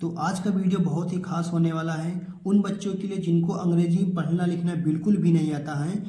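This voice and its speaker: A man's voice: fairly high pitch, steady tone, fairly quick, dark tone. A man teaching English spelling to children, asking a question and then answering it himself. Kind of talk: classroom-style explanation to children. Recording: echoey room.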